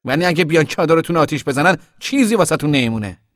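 A steady, protective young man, as a male reader voices him, in a storybook reading. He talks plainly and reassuringly, slightly above the reader's own low voice, in a dry, close sound. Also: dry recording, lightly acted.

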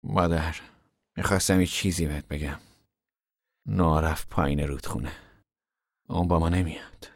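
A man voicing a blunt, restless young adult son in an audiobook, talking in rough colloquial speech. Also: lowish voice, no room sound, studio quality, pitched above the performer's own voice, natural voice. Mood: troubled. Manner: rough, plain-spoken colloquial talk. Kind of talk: audiobook character voice.

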